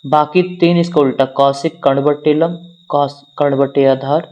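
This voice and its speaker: A male teacher walks students through a maths lesson. He keeps asking them questions and then answers them himself. His voice sits a little high and has a warm, mellow tone. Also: fairly even intonation, measured pace, lo-fi sound. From northern India. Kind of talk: classroom-style maths lesson.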